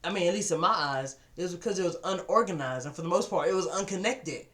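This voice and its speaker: A man's voice: sits high, quick pace, a bit bright. A man giving a casual motivational talk to his webcam, telling stories and acting out what people said. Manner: storytelling, acts out quoted voices, repeats words. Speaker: vlogger. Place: at home at a computer.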